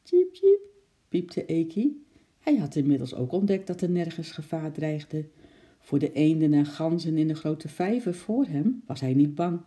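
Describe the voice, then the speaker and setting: A woman reading a children's book aloud in a gentle storytelling manner. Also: low-pitched, normal speed. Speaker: narrator.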